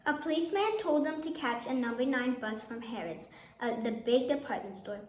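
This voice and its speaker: A woman's voice: fairly high pitch, moderate pace, slight background noise. A woman storyteller reading a children's picture book aloud. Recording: echoey room.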